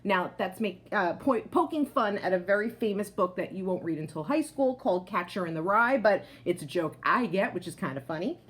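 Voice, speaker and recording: Reading a picture book to kids in a lively, teacherly storytelling manner, this woman speaks at a medium pitch, moving briskly with few pauses. She drops in warm side comments for the young audience.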